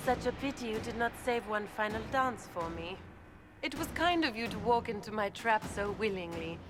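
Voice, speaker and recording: A woman's voice: on the high side, animated, normal speed, over music, natural voice. A woman playing a haughty, condescending aristocratic villainess in a video game, speaking theatrically. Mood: smug, taunting. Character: haughty, smug aristocratic villainess, zealous schemer. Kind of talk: video game dialogue acting.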